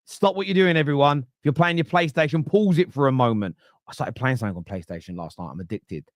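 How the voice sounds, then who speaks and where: A man's voice: medium pitch, quick pace, dry recording, studio quality. A man in his late thirties hosting a live football fan podcast, chatty and joking. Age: 30s. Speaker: podcast host.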